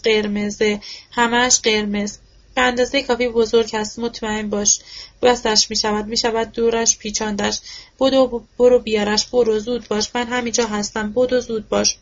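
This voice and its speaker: A woman's voice: on the high side, close to an everyday voice. A woman voicing a distraught pleading widow. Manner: pleading, repetitive, tearful. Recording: dull lo-fi recording.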